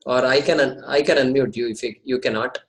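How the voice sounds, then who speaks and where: A man hosts an online session over a video call, calmly walking a participant through muting and turning off video. He speaks at an average pitch for a man, in a plain, patient way. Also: a little fast. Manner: patient, giving instructions. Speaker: session host. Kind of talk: hosting an online orientation.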